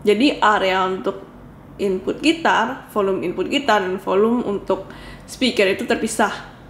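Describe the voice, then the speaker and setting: In a casual product review, a woman chattily walks viewers through a demo step by step. Her medium-pitched voice is unhurried, and the room sounds echoey with faint noise.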